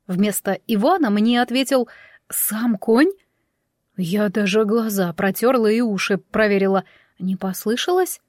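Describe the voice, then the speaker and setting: A woman narrating a first-person fairy-tale story as an audiobook, in an even, expressive storytelling manner. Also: medium pitch, no room sound, clean studio sound.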